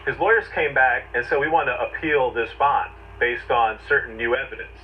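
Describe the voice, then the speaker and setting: The speaker is a man with a mid-range voice at a moderate pace, a legal commentator talking through a legal explainer in conversational style. He goes step by step, using short, emphatic phrases, in noisy, dull, distant replayed audio.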